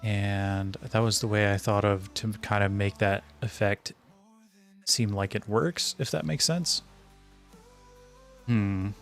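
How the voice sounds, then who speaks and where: A fairly low, steady-toned man takes his time, leaving long pauses. He's a streamer and indie game developer chatting casually while he works, hesitantly talking things through to himself, with music in the background.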